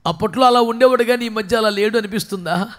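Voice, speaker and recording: A male pastor preaching a sermon with passion, dropping to a hush and then rising to a shout, with many questions aimed at the congregation. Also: sits high, fast. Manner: impassioned preaching, swinging from hushed to shouting.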